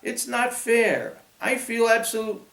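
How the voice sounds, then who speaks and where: Brief: a man doing a bossy sick schoolgirl, high, croaky, whiny, in a roomy room. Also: sing-song, unhurried, heavily acted. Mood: pleading. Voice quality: croaky, cracking. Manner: whiny and demanding. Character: sick, bossy little girl with a cracking voice. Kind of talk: audiobook reading. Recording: roomy echo.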